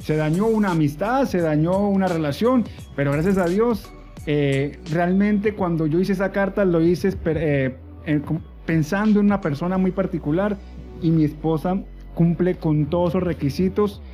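High-voiced man telling a funny story. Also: normal speed, dark tone, faint music behind. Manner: humorous storytelling with playful voices. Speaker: podcast co-host.

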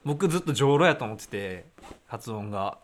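A young man chats on a podcast. His voice sits at an ordinary middle pitch, and he turns playful and animated when he argues a point. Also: a little fast. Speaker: podcast co-host, band member. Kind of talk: casual chat.

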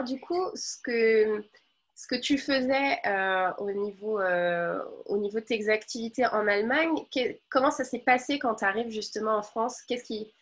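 Effusive woman interview host. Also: mid-range voice. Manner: effusive, frequent exclamations. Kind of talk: interview hosting.

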